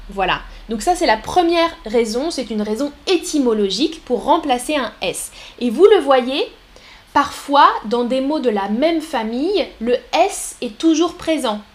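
Woman, French teacher on a live stream, slightly high voice, patient explanations, slow repeated examples, talks to chat. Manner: explanatory, repeats words slowly for learners, addresses chat. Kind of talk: live-streamed language lesson.

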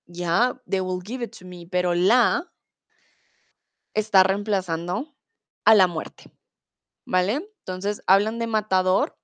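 Slow, clear Colombian teacher woman. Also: medium pitch, fairly bright tone, no room sound. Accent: Bogotá Spanish. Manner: explains slowly, switching to English and German. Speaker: Spanish teacher streaming. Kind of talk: livestream language lesson.

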